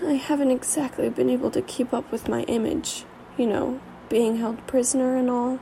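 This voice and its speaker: Woman doing a hoarse weak princess, defiant, storybook, gravelly, dark tone. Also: on the high side, little pitch movement, moderate pace, a little hiss or hum, low-quality recording. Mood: wry. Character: weakened defiant captive princess.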